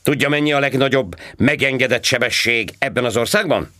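A man's voice: dry recording, studio quality, close to an everyday voice. A man doing a barking, sarcastic traffic cop. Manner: barking, sarcastic, high-pitched shouts. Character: loud, sharp-tongued male traffic cop.

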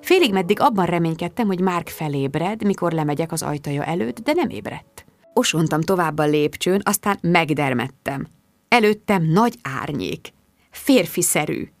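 A woman narrating a comic audiobook in an animated storytelling manner. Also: lowish voice, creaky, soft background music.

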